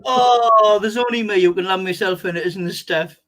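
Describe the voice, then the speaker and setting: A young man co-hosting a casual chat show, telling sweary anecdotes and laughing at himself. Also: sits high. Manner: animated storyteller, quick to laugh at himself. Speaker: co-host.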